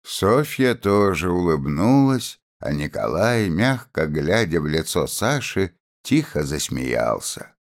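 A man reads a novel aloud with a very deep voice. He takes his time and lets his pitch rise and fall expressively as he tells the story. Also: sing-song, takes it slowly, few pauses. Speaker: audiobook reader.

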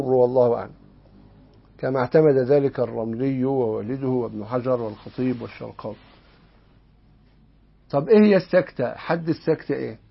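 A man with an Egyptian Arabic accent explains a legal text to his class and keeps checking in with them through rhetorical questions. His voice is gravelly and husky, with plenty of fry. The recording sounds dull and lo-fi. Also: medium pitch. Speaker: Islamic law teacher.

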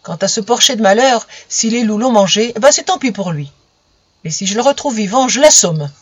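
A harsh old farmer growls out threats in a loud, hurried voice, voiced by a storybook reader. His manner is menacing and curt. The recording is dry and somewhat muffled. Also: mid-range voice, lively intonation, breathy edge, no echo. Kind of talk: storybook reading.

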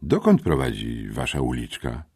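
A skeptical teenage boy detective in a storybook, sour and probing, his lively voice slightly husky, as a male narrator puts him on. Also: a bass voice, normal speed, full character voice.

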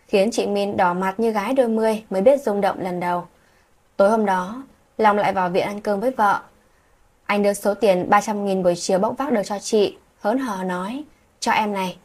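A woman narrates a late-night story in a soft, breathy voice that sits at an ordinary middle pitch. She reads every character's lines herself, shifting her voice only a little from role to role. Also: fairly quick.

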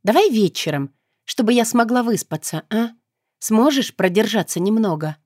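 A brash young heroine, voiced by a woman reader, talks bluntly and with a mocking edge. Her voice sits higher and brighter than the narration, on a dry close mic. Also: animated, moderate pace, no echo. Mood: breezy. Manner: blunt, teasing, matter-of-fact. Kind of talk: audiobook character voice.

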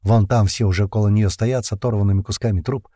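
Casting: male first-person narrator, tense and colloquial, mellow dark timbre, dry close sound. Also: on the low side, steady tone, fast, no room sound. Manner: tense, colloquial storytelling with slang. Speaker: audiobook narrator.

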